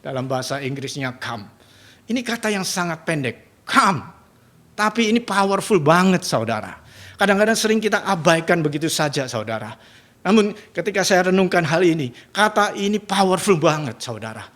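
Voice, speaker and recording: Male pastor, fairly high voice, dramatic emphatic sermon delivery. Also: very animated, moderate pace. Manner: repeatedly addresses the congregation, asks for amens; dramatic shifts in pitch and loudness when stressing points.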